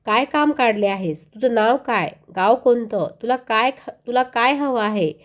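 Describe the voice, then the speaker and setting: A woman's voice: a little high, unhurried, natural voice. A woman voicing a young palace maid who questions a stranger fussily and later pleads anxiously. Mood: fussy.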